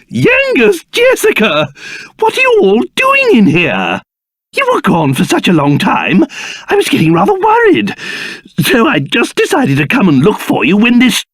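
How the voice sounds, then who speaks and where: A man's voice: very high voice, no room sound, studio quality, exaggerated voice. Pompous British monster King Trode, wildly swooping. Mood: alarmed, indignant. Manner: pompous, fussy, excitable, exaggerated delivery. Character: pompous, fussy old king turned into a small monster. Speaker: video game character voice actor. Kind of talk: theatrical video game voice acting.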